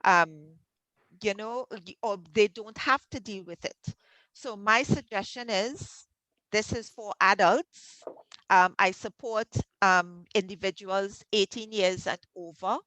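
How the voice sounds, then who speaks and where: A Trinidadian health coach hosts an online health workshop over a video call, speaking slowly in a warm, encouraging sales pitch filled with ums. The low-quality recording has no echo.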